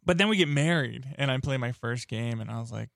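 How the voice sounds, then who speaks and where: A man's voice: medium pitch, animated, a little fast, creaky, fairly bright tone, dry recording, studio quality. A man hosting a podcast, telling rambling, joking stories in a casual chat. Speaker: podcast host.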